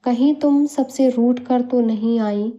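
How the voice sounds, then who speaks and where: A woman voicing a caring middle-aged mother who speaks in soft, coaxing questions, for a storybook. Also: on the high side, slow, dull audio.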